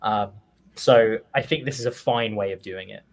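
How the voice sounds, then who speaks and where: A man co-hosting a casual panel review of writing, relaxed and hedging, with frequent fillers and restarts. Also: fairly low pitch, moderate pace. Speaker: co-host reviewing copywriting.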